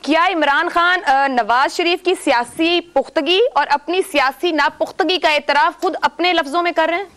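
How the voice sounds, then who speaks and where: A woman's voice: very high-pitched, normal speed, hardly any pauses, a bit bright. A woman hosting a political talk show, pressing guests with pointed questions.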